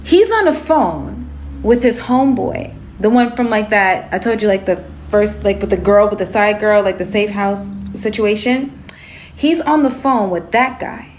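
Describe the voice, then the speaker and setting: Animated woman telling a storytime. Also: medium pitch, measured pace, a little hiss or hum. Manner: animated, addresses viewers as y'all, heavy use of "like". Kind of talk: casual storytime vlog.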